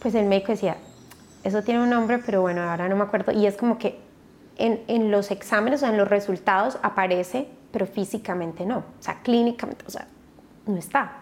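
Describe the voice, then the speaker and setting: A woman, a podcast guest and mother, telling her personal story in a halting way with many restarts. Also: medium pitch, darkish tone.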